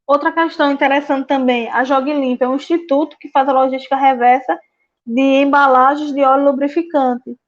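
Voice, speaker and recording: A woman talks her audience through a slide presentation, her voice pitched high. She leans on constant fillers and starts phrases over again as she goes. The recording sounds dull and muffled. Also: fairly even intonation. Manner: frequent "né" and "é" fillers, halting restarts. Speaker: guest speaker on waste management. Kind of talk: slide presentation at a public event.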